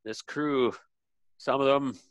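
A man's voice: medium pitch, steady tone, slow, dry recording, pitched above the performer's own voice, lightly acted. A man voicing a drunk, rambling male ship lookout in a tabletop game. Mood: drunk gossip. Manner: slurred, gossipy sailor talk.

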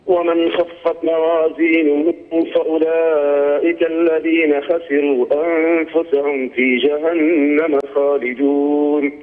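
A male student reciting scripture slowly and melodically over a phone line for his teacher. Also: a little high. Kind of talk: slow melodic Quran recitation. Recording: tinny phone line with reverb.

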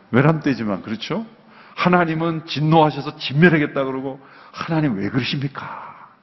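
Preaching man in an echoing church. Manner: earnest preaching, swings between loud emphasis and hushed low asides. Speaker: pastor. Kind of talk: sermon. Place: large church sanctuary. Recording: dull church broadcast with long hall reverb.

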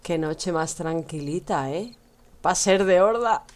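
This young Spanish-accented streamer from Spain gives casual gameplay commentary, teasing her viewers, speaking to chat, and often laughing. Her voice is lowish and darkish in tone, and her pace is slow.

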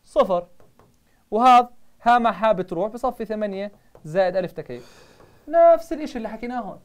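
A man with a Jordanian Arabic accent teaching a live online math review, firing quick questions at his students. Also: sits high, animated.

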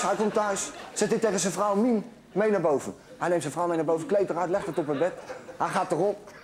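A man telling a long joke to an audience, chanting the repeated lines in a lowered voice. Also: very noisy. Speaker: joke teller. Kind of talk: telling a joke to a laughing crowd.

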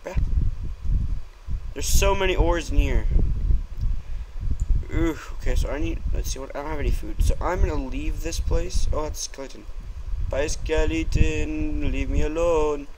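A young man commentating his own gameplay in a casual, excitable way, yelping when startled. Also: on the high side, moderate pace, pauses often. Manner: jumpy, excitable, yelps when scared. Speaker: let's play gamer. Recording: noisy home recording.

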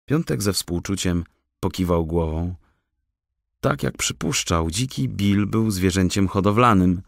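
A man reading an audiobook for children in an expressive storytelling style, on a studio mic. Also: low-pitched, unhurried, vocal fry, no echo. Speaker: audiobook narrator. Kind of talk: scripted audiobook narration.

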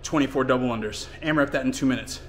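Between efforts, this male fitness coach catches his breath and casually explains his training, filling gaps with fillers, in a home gym and outside in winter. He talks fast at a medium pitch, with slight background noise.

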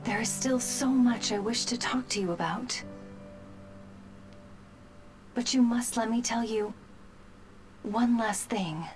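An actress voicing a gentle, formal robot companion whose battery is running out and who is shutting down, in a video game. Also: female voice, on the high side, measured pace, soft background music, lightly acted. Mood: tender farewell. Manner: formal, courteous machine speech. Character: dying female robot companion, polite, gentle.

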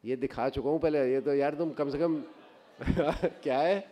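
A man's voice: a little high, steady tone, racing, mellow. A middle-aged man with a North Indian accent lecturing informally on stage into a microphone, prodding the audience with questions. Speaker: ophthalmology lecturer. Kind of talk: interactive lecture mixing Hindi and English. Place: large auditorium, on stage. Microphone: podium or table gooseneck microphone.

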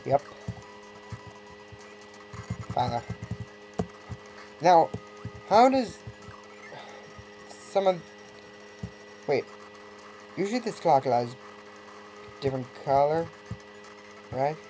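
A man's voice: a little high, lively intonation, slow, pauses often, dark tone, low-quality recording. A man giving casual, rambling gameplay commentary, breaking off mid-thought with wry asides. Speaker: let's play gamer. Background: faint game music.

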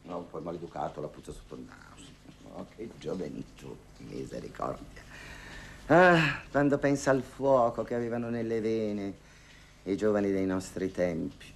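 A man's voice: low-pitched, expressive, moderate pace, creaky, slight background noise. An actor playing a lonely older woman who gossips and haggles on the phone in a theatrical monologue, sighing and wryly complaining. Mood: bargaining. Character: lonely, wry older woman hiring a dance partner.

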